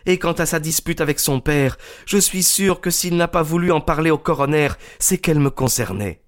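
A man's voice: fairly high pitch, moderate pace, pitched above the performer's own voice, close to an everyday voice. A man voicing an agitated young woman in a storybook reading, pleading urgently in a raised voice. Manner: pleading, breathless insistence.

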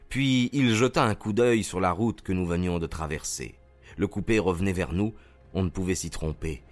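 Low-voiced male storyteller. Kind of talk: scripted narration.

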